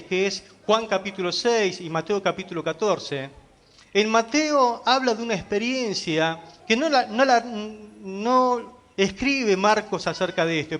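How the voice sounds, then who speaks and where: A man's voice: sits high, a bit bright. A man pastor preaching a sermon, emphatic, asking the congregation rhetorical questions.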